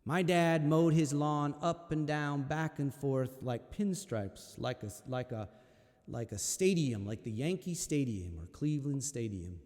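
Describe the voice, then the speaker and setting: A man, a folk singer at a live-streamed concert, telling a personal story in a slow, hushed and reflective way, with halting repeats. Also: on the high side, long reverb tail.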